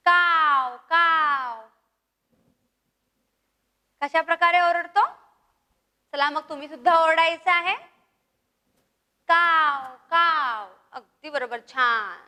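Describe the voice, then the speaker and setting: A woman teacher with a high voice leads a first-grade lesson at an unhurried pace. She coaxes the children to repeat after her and imitates bird calls. Her voice carries a long reverb. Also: sharp tone.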